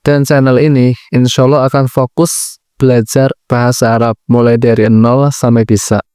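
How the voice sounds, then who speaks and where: A man teaching a lesson, explaining steadily in short, measured clauses. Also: mid-range voice, little pitch movement, a little mellow, clean tone, no room sound, studio quality. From Central Java, Indonesia. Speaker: Arabic language teacher. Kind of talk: educational lesson.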